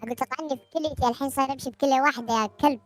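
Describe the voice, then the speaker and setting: A man's voice: very high voice, fairly even intonation, racing, a bit bright, faint music behind, voice pushed down. A man voicing an angry, paranoid drunk young man in a game role-play film, slurring threats. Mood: furious.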